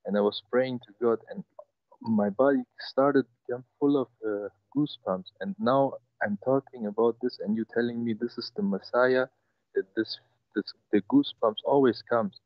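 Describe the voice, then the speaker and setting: On a call-in show, a young German caller in his twenties tells something personal, his speech halting and emotional and full of fillers and restarts. He talks at a normal speed in a medium-pitched voice, and the audio is dull with no room sound.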